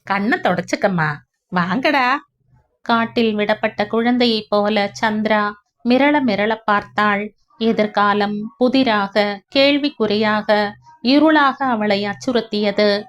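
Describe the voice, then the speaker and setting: A woman narrating a family story aloud in a slow, emotional reading style. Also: medium pitch, fairly even intonation. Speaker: audiobook narrator. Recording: dull lo-fi recording.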